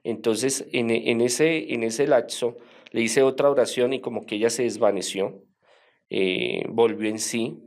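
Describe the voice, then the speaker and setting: Measured, hesitant male exorcist priest. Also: medium pitch, steady tone, a little mellow. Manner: measured, hesitant with many fillers. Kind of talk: storytelling in an interview.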